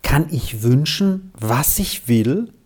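A storyteller voicing a shy, hesitant young farm boy, speaking politely and a bit higher than the narration. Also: expressive, a little slow, mellow, close to an everyday voice. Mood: timid.

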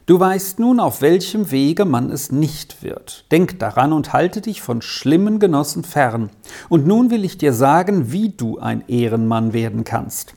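A reader voicing a kindly, fatherly village pastor who admonishes gently in an old-fashioned tone. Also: mid-range voice, animated, a little slow, gravelly. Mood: admonishing. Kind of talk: audiobook reading of a character.

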